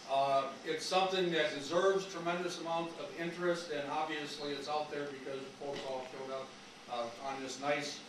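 Male speaker, 60s, American Midwestern, projected coach's voice, slightly high, folksy public talk, very echoey room. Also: distant mic. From rural Wisconsin, USA. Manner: informal, folksy, rambling asides. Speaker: lecturer, retired history teacher. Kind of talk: informal public talk to a live audience. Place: community meeting room, indoors. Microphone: no microphone, picked up from across the room. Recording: echoey room from afar, faint noise.

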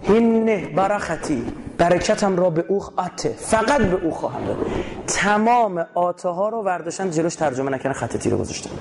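A man from Iran giving an animated religious lecture to a live audience, asking rhetorical questions and explaining words one by one. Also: sits high, creaky, background noise. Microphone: recording his own lecture.

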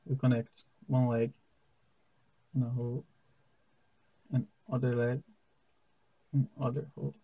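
Slow, halting man with a Brazilian accent. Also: mid-range voice, little pitch movement, phone-quality sound. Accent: Brazilian Portuguese. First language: Portuguese. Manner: halting, careful non-native English with pauses and restarts. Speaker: science fair project demonstrator. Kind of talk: step-by-step how-to explanation. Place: indoors at a wooden table.

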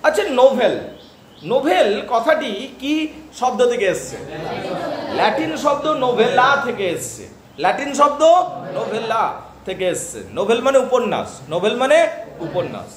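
High-voiced Bengali male teacher, echoey. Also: big pitch swings, moderate pace, crowd noise. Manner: keeps checking if students follow. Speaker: English literature teacher. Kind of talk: classroom lecture.

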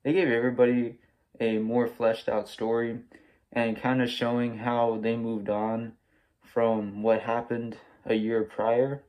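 A man's voice: medium pitch, flat delivery, unhurried, a little mellow, low-quality recording. A young American man casually reviews a movie in an enthusiastic, slangy way, speaking through a face mask. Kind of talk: casual spoiler-free video review. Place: small room at home, indoors.

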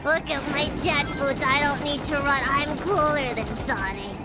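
A woman's voice: sits high, steady tone, normal speed, loud music behind the voice, pitched below the performer's own voice, close to an everyday voice. A woman voicing an edgy, boastful male hedgehog antihero in a silly mismatched video game redub, smug and mock-cool. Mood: smug bragging.

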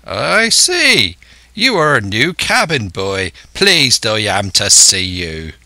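A man playing booming, hearty Long John Silver. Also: big pitch swings, slow, pushed and bright, no echo, heavily acted. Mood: jovial welcome. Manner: booming, old-fashioned sailor talk. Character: hearty one-legged seafaring landlord, jovial but domineering.

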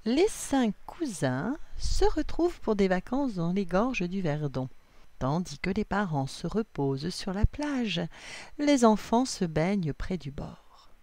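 Slow, expressive woman storyteller. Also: mid-range voice, no room sound. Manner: slow, expressive read-aloud. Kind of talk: children's storybook reading.

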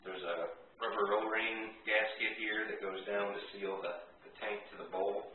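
A man's voice: lowish voice, steady tone, normal speed, far from the mic, a little hiss or hum. A man in his forties, a contractor, explains in a plain, practical way how to install a toilet, step by step, in a small bathroom under remodel. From Texas. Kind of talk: how-to demonstration. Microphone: camera mic from a few feet away. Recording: echoey room, tinny camera sound from afar.

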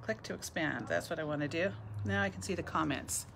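A woman's voice: low-pitched, a little fast, gravelly. Woman, middle-aged, live-stream host; chatty, laughs a lot, phone mic with faint background noise. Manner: chatty, laughs often, greets viewers by name. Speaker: bead store owner hosting a live stream. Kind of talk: casual live-stream chat.

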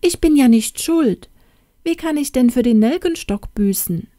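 A woman's voice: high voice, expressive, a little slow, dark tone, dry recording, clean studio sound, pitched above the performer's own voice. Woman doing a chatty old hen. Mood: pleading. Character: old hen, pleading then chatty nurse who tells secrets.

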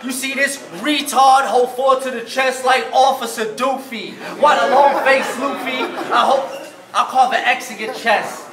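A man's voice: very high voice, bright, forceful tone. A man from New York delivering a mocking battle rap verse full of punchy wordplay. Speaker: battle rapper. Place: barbershop event space. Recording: echoey room.

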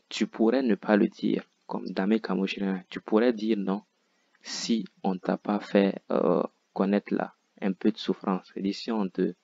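Slow low gravelly teacher. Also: male voice, darkish tone, dry recording, highs cut off. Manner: slow, repeats and breaks down Japanese words. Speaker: Japanese teacher. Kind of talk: explaining game dialogue line by line.

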